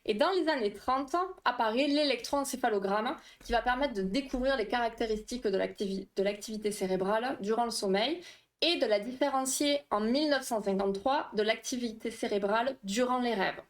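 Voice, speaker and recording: A woman's voice: a little high, fairly quick. Chatty woman hosting a livestream. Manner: chatty, laughs often, reads chat aloud. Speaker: livestream host. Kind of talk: casual livestream explanation with quiz.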